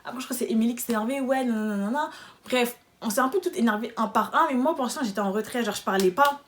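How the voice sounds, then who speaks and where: A young woman telling a storytime vlog in an animated, slangy, quick way. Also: fairly high pitch, slight background noise. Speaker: vlogger.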